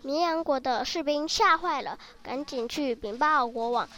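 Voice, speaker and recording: A woman reading a children's story aloud in a lively, expressive way. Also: high voice, moderate pace.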